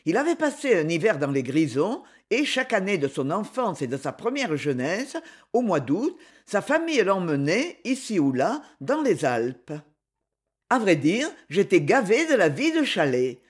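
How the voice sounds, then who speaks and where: Husky, expressive audiobook narrator. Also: medium pitch, moderate pace. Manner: expressive storytelling. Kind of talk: scripted narration of a novel.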